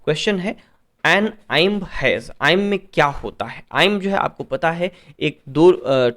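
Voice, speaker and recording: Higher-pitched man tutoring an English exam paper. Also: expressive, a bit bright. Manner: reads questions slowly, then explains in Hindi with frequent checks; corrects himself often. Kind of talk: exam paper solution lesson.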